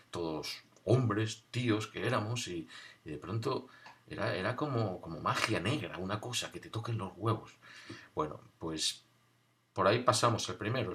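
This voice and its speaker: A middle-aged man tells a personal story in a relaxed, conversational way. His voice sits fairly low, and he briefly acts out the voices he quotes, with a wry touch. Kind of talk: spoken personal recollection.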